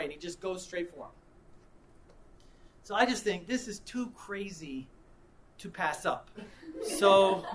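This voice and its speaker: A man's voice: high-pitched, a bit bright, slight background noise. A man preaching a sermon, telling a personal story in a conversational way and often repeating and restarting his words. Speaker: pastor.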